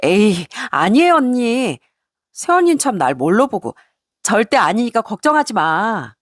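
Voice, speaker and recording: A woman's voice: mid-range voice, sing-song, normal speed, no room sound, studio quality. A woman voicing a vain young sister-in-law who talks in a breezy, coaxing way. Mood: evasive.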